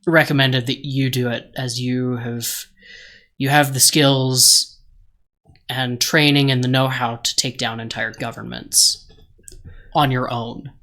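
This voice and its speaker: A man co-hosting a podcast, casually pitching a story idea with lots of ums and restarts. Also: sharp tone. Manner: hesitant, many ums and restarts. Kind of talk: casual chat.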